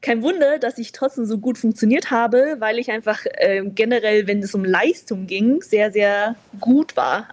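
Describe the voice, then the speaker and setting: Young woman, slightly high voice, reflective, candid, interview guest. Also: a little mellow, dry recording. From China, raised in Vienna. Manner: reflective, open, many fillers. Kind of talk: conversational interview.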